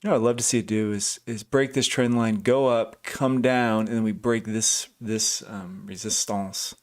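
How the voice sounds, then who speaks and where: A man of medium pitch talks at a moderate pace with fairly even intonation while day trading live. He muses aloud in a chatty way, backs up and restarts, and answers viewers by reading their chat names.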